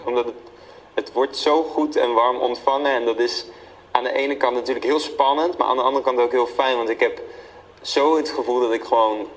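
A man's voice: medium pitch, fairly even intonation, a little fast, low-quality recording. Young man, modest, hesitant. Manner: modest, hesitant with many fillers and short agreements. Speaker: guest singer. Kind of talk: casual interview.

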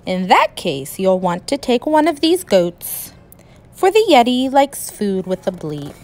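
A woman voicing an angry, growling female monster who speaks in an insulted, drawn-out way. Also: mid-range voice, big pitch swings, a little mellow.

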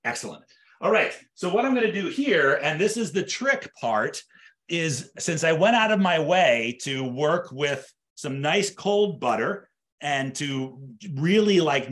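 A man in his fifties teaches an online cooking class live from his home kitchen, speaking conversationally and explaining by repeating and rephrasing himself. His voice is a little high and fairly bright.

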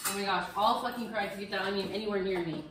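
A woman's voice: mid-range voice, fairly even intonation, racing, background noise. A young woman chatting in a kitchen, squeamish and complaining. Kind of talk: casual chat while cooking. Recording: echoey kitchen from far off with clattering dishes.

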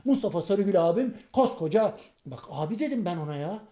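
A man's voice: high voice, animated, a little fast, warm tone, reverberant. A man playing a muddled, indignant man-on-the-street in a comic monologue, rambling, tripping over his words and scolding as he goes. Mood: flustered. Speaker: comedian playing a street character.

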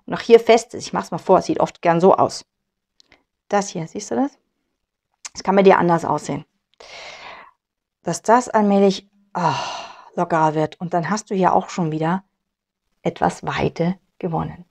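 A woman's voice: on the low side, normal speed, vocal fry, long pauses, darkish tone. A woman with a German accent teaching piano, patiently explaining and demonstrating at the keyboard. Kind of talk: piano tutorial instruction. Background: piano playing.

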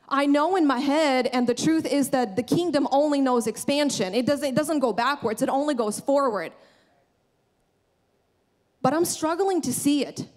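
A young woman giving an earnest, conversational sermon on a church stage, speaking into a handheld microphone and often restarting her sentences. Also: high-pitched. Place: large church stage, indoors.

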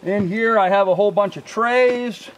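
In a field next to a truck, an older man rambles through a casual look at his fishing gear, full of ums, uhs and self-corrections. His voice sits high and moves at a moderate pace, and the camera mic, placed a few feet away, picks up a little hiss or hum.

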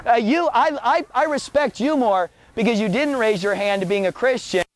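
A man preaching loudly outdoors on a college campus as a street preacher, declamatory and confrontational. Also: very high voice, normal speed. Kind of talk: open-air street preaching.

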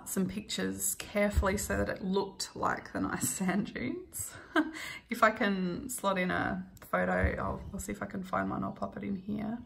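A woman with a deeply gravelly, creaky voice at a middling pitch tells a story in a relaxed, chatty way. She laughs often and fills her pauses with ums as she stitches at home. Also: slight background noise. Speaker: cross stitch vlogger. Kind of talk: casual storytelling while stitching.

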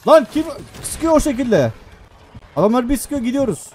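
Excitable young man yelling over gameplay. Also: very high voice, moderate pace, a little hiss or hum. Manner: excitable, swearing, shouting at the game. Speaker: gameplay commentator. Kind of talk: casual gameplay commentary.

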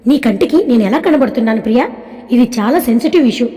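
A woman voicing a troubled young husband who speaks gently and coaxingly. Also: on the high side, expressive, fast, close to an everyday voice. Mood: gentle. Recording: long reverb.

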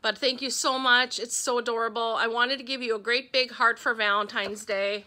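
Bright, high-voiced gushing woman vlogger. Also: fairly even intonation, normal speed. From Wisconsin, USA. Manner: gushing, chatty, talks to her pet. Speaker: vlogger opening fan mail. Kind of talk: casual chat.

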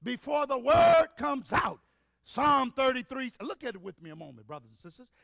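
A male revival preacher with a strikingly high, gravelly voice that leaps wildly in pitch. He swings from shouted fervor to hushed storytelling and stutters repeated words as he builds. The sound is dry and close. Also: sing-song, moderate pace, dry recording. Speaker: evangelist preacher. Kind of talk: revival sermon.

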